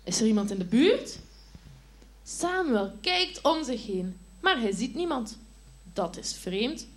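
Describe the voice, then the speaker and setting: A woman teaching children at church, telling a Bible story with lively expression and asking the kids questions. Her voice sits a little higher than most women's. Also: slow pace.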